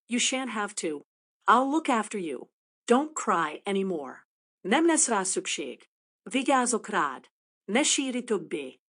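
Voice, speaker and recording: A woman's voice: medium pitch, big pitch swings, fairly bright tone. Eager, comforting rich lady, as a woman reads her. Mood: soothing. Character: kind, impulsive wealthy young lady.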